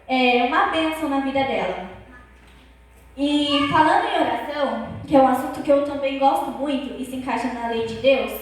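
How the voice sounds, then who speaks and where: A girl with a Brazilian accent preaches, her voice pitched very high. She tells her story in a lively way and keeps turning to the audience with questions. The room around her rings with heavy echo. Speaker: young preacher. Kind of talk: sermon with personal testimony. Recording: very echoey room.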